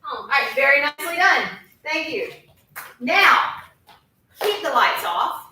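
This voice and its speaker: A woman teaching a class of children, playful and coaxing as she leads warm-ups. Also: high voice, sing-song, takes it slowly, slight background noise. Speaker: music teacher. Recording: echoey classroom from far off.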